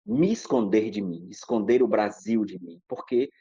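A Brazilian man appears as a podcast guest, talking reflectively and casually while circling his points with many restarts and fillers. His fairly low voice is mellow and slightly rough, expressive, and at normal speed. The sound is dry and a little muffled, with no room sound.

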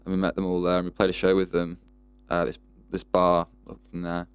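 A man's voice: sits low, completely flat delivery, brisk, smooth, no room sound, lo-fi sound. A man in casual chat, rambling and swearing freely with lots of fillers. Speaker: guest musician.

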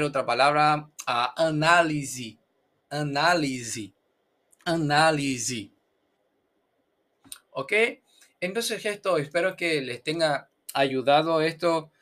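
A Brazilian man whose first language is Portuguese teaches in a casual podcast, with a Brazilian Portuguese accent. His voice is bright and sits a little high. He talks in an unhurried way, saying each example word twice and throwing in playful asides. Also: animated. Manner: slow, repeats example words, playful asides.

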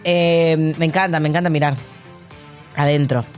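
A woman's voice: deep voice, steady tone, normal speed, soft background music. A young adult woman with a Rioplatense Spanish accent, co-hosting a casual radio chat, frank and laughing as she tells stories. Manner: frank, laughing, chatty storyteller. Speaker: radio show co-host.

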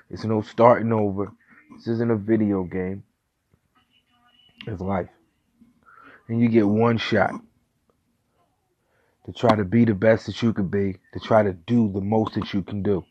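An earnest man delivers a preachy motivational monologue, mixing casual slang and cursing into his advice. His voice sits low and a little husky. The recording is dull and lo-fi, with faint music underneath. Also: flat delivery, a little slow, pauses often, a little mellow. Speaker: host of a motivational talk.

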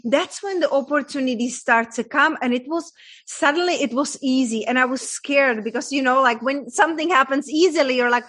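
A young woman from the Czech Republic with a Czech accent, a guest coach telling her story with animated enthusiasm in a podcast conversation. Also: sits high, brisk, poor audio. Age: young adult.

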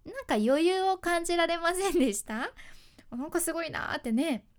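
A woman radio announcer with a Hakata dialect, hosting a chatty advice podcast and explaining with lively asides. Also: very high-pitched, a little fast. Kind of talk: casual spoken advice podcast.

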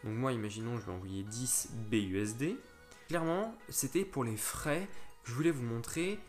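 A man's voice: medium pitch, normal speed, soft background music. Man walking through a phone app. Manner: step-by-step, fillers and restarts, addresses viewers directly. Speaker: crypto tutorial host. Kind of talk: casual screen-recorded app tutorial.

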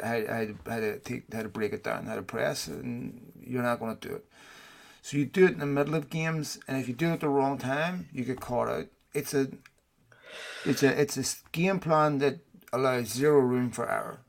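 A man with a fry-laden, creaky voice speaks with braces on his teeth. He talks as a guest pundit in a casual football discussion, opinionated and repeating words for emphasis. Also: medium pitch.

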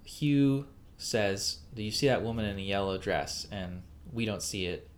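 Guy cohosting a movie chat, lowish voice, lots of ums and restarts, faint hiss behind. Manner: rambling, halting with many fillers and restarts. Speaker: podcast co-host. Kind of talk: casual film discussion.

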